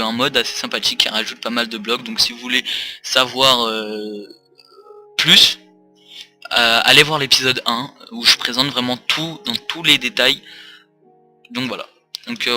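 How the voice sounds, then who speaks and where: A tired let's play host with a sharp-toned, mid-range voice rambles through casual gaming commentary full of hesitations. He's recorded on a desk mic for a facecam.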